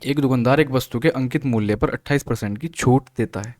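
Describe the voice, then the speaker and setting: A man's voice: mid-range voice, brisk. A male math teacher solving exam questions aloud, asking and answering his own questions as he works. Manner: steady step-by-step explaining, asks and answers own questions. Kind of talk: exam solution walkthrough.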